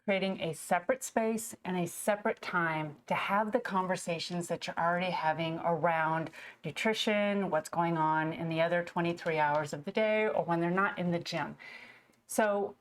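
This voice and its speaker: A woman's voice: fairly low pitch, moderate pace. A woman co-hosting a fitness podcast, explaining ideas with enthusiasm and sometimes voicing a client's point of view. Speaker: podcast co-host, behaviorist. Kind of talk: casual podcast discussion.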